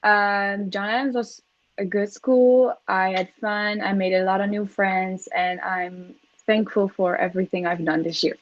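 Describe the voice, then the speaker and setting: A woman's voice: mid-range voice, steady tone, unhurried, no echo. Teen girl talking about her exchange year, dry muffled audio. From Netherlands. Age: teens. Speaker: exchange student.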